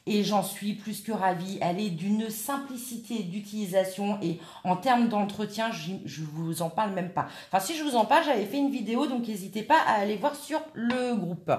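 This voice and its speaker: Speaking at a normal pace with barely a pause, a woman hosts a live craft tutorial and responds to chat viewers by name. Her medium-pitched voice has a slightly dark tone, and the room sounds echoey.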